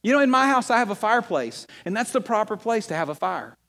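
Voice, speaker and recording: A man preaching a sermon, mixing a funny personal story with scripture, animated and laughing at his own punchlines. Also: high-pitched, quick pace. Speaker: pastor.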